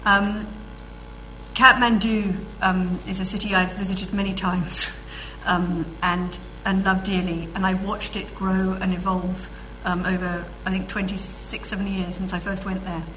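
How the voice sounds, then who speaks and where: A woman speaker answering audience questions at a lecture, measured and thoughtful, with frequent pauses. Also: medium pitch, level tone, a bit bright, a little hiss or hum, poor audio. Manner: measured, with frequent ums and restarts. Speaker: guest speaker.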